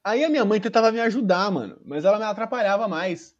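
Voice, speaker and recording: A man's voice: high-pitched, lively intonation, fast talker, highs cut off. A man telling a funny personal story in casual, slangy chat, swearing freely and acting out the people in it. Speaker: podcast storyteller.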